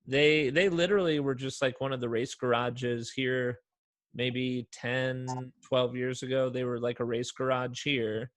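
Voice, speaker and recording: Host: man from Portland, mid-pitched, chatty and loose, dry close mic. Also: level tone, a little slow, no echo. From Portland, Oregon. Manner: chatty, loose, many fillers and restarts. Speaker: podcast host. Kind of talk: casual interview conversation.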